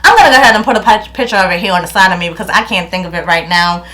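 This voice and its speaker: In a room at home, a beauty vlogger in her thirties from New York chats casually through a product review with a New York accent. Her voice sits on the low side, racing, pushed and bright; she laughs often, loses words and restarts.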